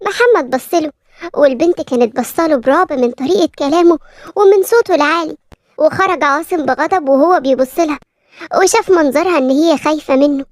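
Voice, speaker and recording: Fast high-voiced Egyptian woman narrator. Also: no echo, studio quality. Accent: Egyptian Arabic. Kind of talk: scripted story narration.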